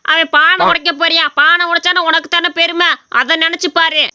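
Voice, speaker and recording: A cocky village trickster from a cartoon story taunts everyone and brags about his own bravery, as a woman acts him out. The voice is high and bright, with a mocking edge. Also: little pitch movement, brisk, heavily acted. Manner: mocking, boastful. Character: cheeky young village man, cocky trickster.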